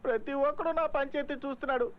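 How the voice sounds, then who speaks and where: A man's voice: very high voice, rapid-fire. A man playing a cheeky, chatty comic sidekick in a film. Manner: chatty, cheeky village banter. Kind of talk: Telugu film comedy. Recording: dull film audio with music.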